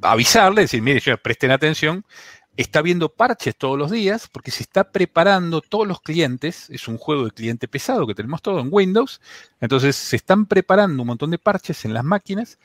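A man from Argentina speaks with a Buenos Aires accent, in a fairly high voice that rises and falls a lot. He explains things at length in casual radio chat and often restarts his sentences. The sound is dry, close and free of room echo. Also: very animated, fairly quick, a bit bright. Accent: Buenos Aires Spanish. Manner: talkative, explanatory, with many restarts. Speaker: tech segment contributor.

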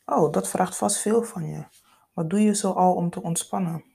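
A smooth, attentive man flirts with soft, probing questions, read by a woman narrator. The voice is low and gravelly, with a warm, dark color. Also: moderate pace. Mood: flirting.

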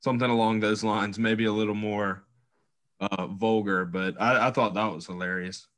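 A man's voice: fairly low pitch, fairly even intonation, normal speed, a bit bright, no room sound. A man co-hosting a podcast in casual sports chat, thoughtful and weighing both sides. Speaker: podcast co-host.

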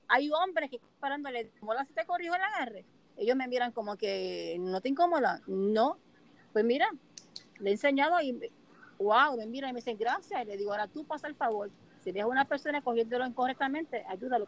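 A woman chatting on a talk show, telling expressive anecdotes full of quoted dialogue. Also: high voice, low-quality recording. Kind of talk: casual chat.

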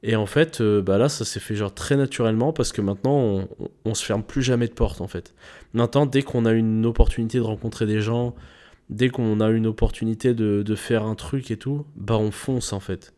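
A man's voice: fairly low pitch, fairly even intonation, brisk, dark tone. Young man rambling in slangy casual talk. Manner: rambling, loose slangy talk with many fillers. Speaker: podcast host. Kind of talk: casual motivational monologue.

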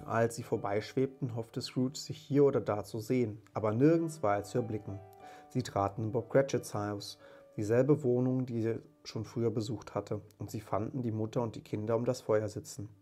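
A man narrating an audiobook of a classic tale in a calm, measured storytelling manner. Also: medium pitch, faint music behind.

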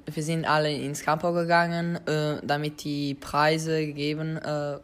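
A woman's voice: low voice, little pitch movement, a little slow. A woman student answering survey questions thoughtfully, with small hesitations. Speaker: student interviewee.

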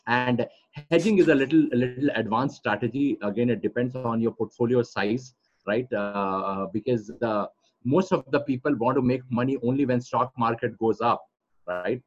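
A man's voice: mid-range voice, normal speed, husky. A man with an Indian accent explaining things as a coach in an interview, repeating phrases for emphasis. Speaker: trading coach being interviewed. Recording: dull, lo-fi audio.

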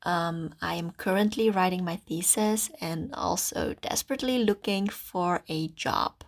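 This early-20s podcast host from the Netherlands has a gravelly, fairly low voice and a slightly slow pace. Recording alone on her phone in a tiny closet with a towel draped over her head, she rambles in a casual, self-conscious way.

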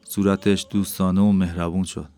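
A man reading an audiobook as a first-person narrator, measured and unhurried. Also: sits low, level tone, dark tone. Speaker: audiobook reader. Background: faint background music.

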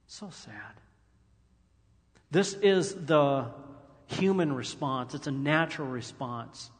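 Earnest male pastor in a reverberant hall. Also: medium pitch. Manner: earnest, reads scripture aloud with emphatic rises. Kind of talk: sermon.

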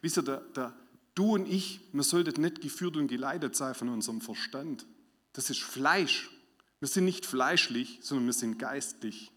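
A man preaching a sermon as pastor, swinging between loud emphasis and quiet asides. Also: medium pitch, moderate pace. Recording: hall reverb.

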